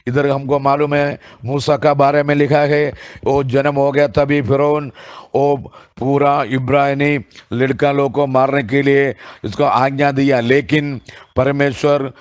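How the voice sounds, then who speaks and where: A male preacher delivers a sermon at an unhurried, measured pace in a flat, even tone. He stumbles and restarts phrases with filler sounds, and he reads scripture passages slowly and deliberately. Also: mid-range voice, lo-fi sound.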